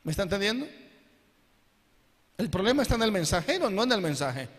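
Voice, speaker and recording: A man's voice: high-pitched, big pitch swings, brisk. A male pastor preaching a sermon who keeps asking the congregation whether they understand him. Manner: asks the congregation questions again and again. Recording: long hall reverb.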